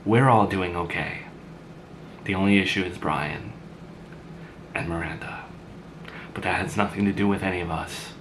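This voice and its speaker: A man's voice: low voice, normal speed, pauses often, background noise, close to an everyday voice. A man voicing a blunt, sarcastic grown woman who had a child young, in an amateur drama. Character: blunt sarcastic mother, grown woman, once a teen mom.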